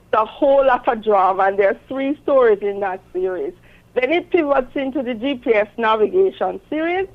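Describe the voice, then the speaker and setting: A woman's voice: on the high side, lively intonation, fairly quick, narrow, tinny audio. A woman talking conversationally as an interview guest about her own work. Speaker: interview guest, self-published author.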